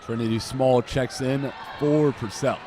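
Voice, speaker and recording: In a steady, mid-range voice at a measured pace, a young American man provides live basketball play-by-play in a gymnasium. His clipped phrases follow each move over heavy court noise and the thud of bouncing balls.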